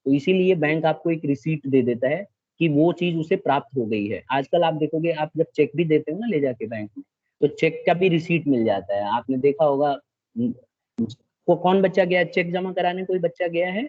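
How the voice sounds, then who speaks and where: A man's voice: on the high side, normal speed, highs cut off. A male teacher giving a classroom lecture, explaining step by step, often checking that the students follow and mixing English terms into his speech.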